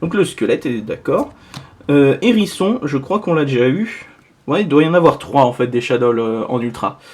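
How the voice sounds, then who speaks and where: A man's voice: medium pitch, expressive, normal speed, darkish tone. A man giving casual, rambling commentary as he opens trading card boosters, dropping little asides between cards. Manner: chatty, rambling, full of little "hop, voilà" asides. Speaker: card collector opening boosters.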